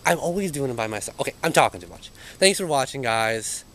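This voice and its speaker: A young man, an urban explorer vlogger, films himself with a handheld camera in an overgrown yard, speaking hesitantly and uneasily and trailing off mid-sentence. His medium-pitched voice is animated, fast and a bit bright. The audio quality is poor.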